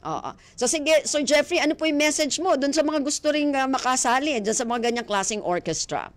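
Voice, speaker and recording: A woman's voice: sits high, fairly quick. A woman hosting a casual radio interview, chatty and playful, laughing often into a studio mic. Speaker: radio host.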